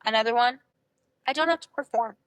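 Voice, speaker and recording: A young woman giving casual, upbeat dating advice to camera, chatty and full of "like" and "literally", acting out quoted lines in a high excited voice. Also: fairly quick, dry recording.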